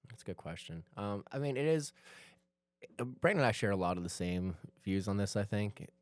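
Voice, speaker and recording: A man's voice: lowish voice, lively intonation, a little fast, no echo. A man co-hosting a casual group podcast, joking and self-mocking as he talks. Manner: laughing, self-mocking, loose. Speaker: podcast co-host.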